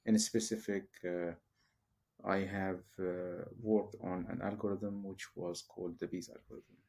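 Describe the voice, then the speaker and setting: A man's voice: low-pitched, level tone, a little slow, vocal fry, darkish tone. A man from Syria, a professor, answering interview questions hesitantly with many fillers and restarts. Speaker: guest, professor.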